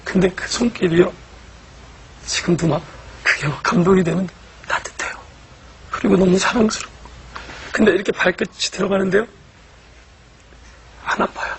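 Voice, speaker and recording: A man, a church deacon, telling his personal faith testimony in an earnest, emotional way, going from hushed to loud. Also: sits high, moderate pace, pauses often, noisy background.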